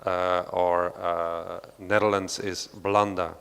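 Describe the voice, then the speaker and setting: A Belgian man with a deep, gravelly, slightly bright voice speaks slowly with little pitch movement, his tone clear and resonant. He is giving an unscripted, hesitant talk on a panel in an art centre's large hall, full of fillers and restarts, with long hall reverb.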